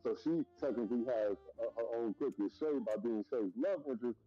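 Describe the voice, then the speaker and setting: A man's voice: medium pitch, brisk. A man speaks over an online call, his voice muffled and lo-fi, as if the mic were covered. His manner is laid-back as he lays out his reasoning step by step. Faint music sits behind him. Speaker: co-host of a comics review stream. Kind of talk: casual group discussion.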